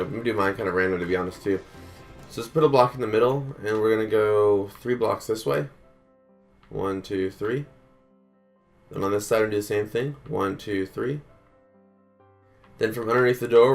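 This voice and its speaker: A man with a lowish voice and vocal fry, feeling a little sick, casually hosts a step-by-step gaming build tutorial. He counts blocks aloud, keeps a relaxed manner, and uses many fillers.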